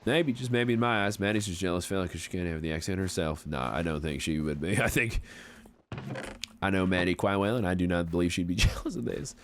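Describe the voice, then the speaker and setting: In a low, slightly fast voice with a little hiss or hum on the recording, a man in his forties chats in character during a game livestream. He's using a put-on Southern American accent to play an amiable, folksy frontier fellow with courtly phrasing.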